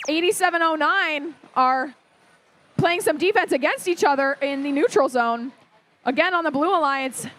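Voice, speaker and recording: A woman giving live play-by-play commentary at a robotics competition, briskly calling team numbers and plays. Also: high voice, a bit bright. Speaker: match announcer. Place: competition arena.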